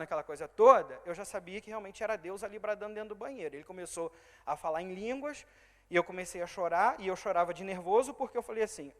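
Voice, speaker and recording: Brazilian guy preaching in church, tells his story and voices the people in it, goes loud then quiet, fast talker. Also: high voice. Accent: Brazilian Portuguese, Rio de Janeiro state. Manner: storytelling, quoting others in swings of loud and soft. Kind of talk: testimony sermon. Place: church hall. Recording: reverberant church hall.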